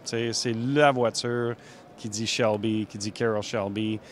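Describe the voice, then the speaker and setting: A man in his thirties with a Québécois accent, talking earnestly about building cars, with some halting restarts. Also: fairly low pitch, steady tone, slight background noise. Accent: Québécois French. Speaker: car builder. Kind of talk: casual interview.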